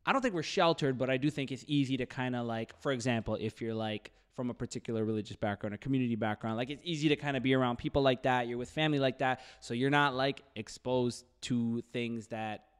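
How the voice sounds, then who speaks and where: A man in his thirties talks casually into a close podcast mic. He rambles in a slangy, animated way, peppering his speech with "like". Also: medium pitch, fast talker, hardly any pauses, smooth. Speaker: podcast host. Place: dark indoor podcast studio. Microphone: close podcast mic on boom arm.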